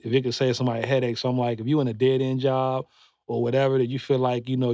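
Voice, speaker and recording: A man in his forties, with a darkish mid-range voice, loosely dispenses earnest advice on a casual podcast, restarting often and leaning on fillers. The recording is dry with no room sound, and it sounds somewhat dull and muffled.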